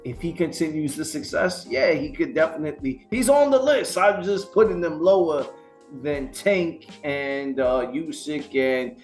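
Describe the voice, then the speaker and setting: A man's voice: a little high, measured pace, faint music behind. Heated, profane podcast co-host man. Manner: heated, profane, animated ranting. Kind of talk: casual boxing chat.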